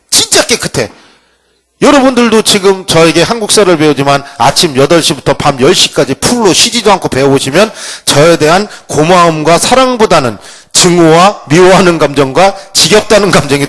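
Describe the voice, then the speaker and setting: A man's voice: on the high side, a bit bright. A man giving a humorous history lecture, joking with students and acting out quotes from the past. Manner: playful, acts out quotes. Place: lecture room.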